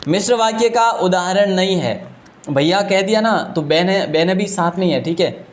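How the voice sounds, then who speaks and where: A man's voice: sits high, moderate pace. A man with a Rajasthani Hindi accent teaching a live online exam-prep class, chatty and joking as he talks to his students. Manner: chatty and joking, often addresses students as friends.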